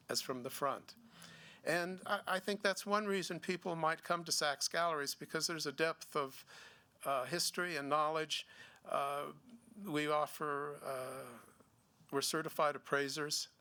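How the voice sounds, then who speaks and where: A middle-aged man, a gallery owner giving a seminar talk, speaking haltingly with many restarts and fillers. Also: a little high, fairly even intonation, bright, forceful tone. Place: museum seminar room.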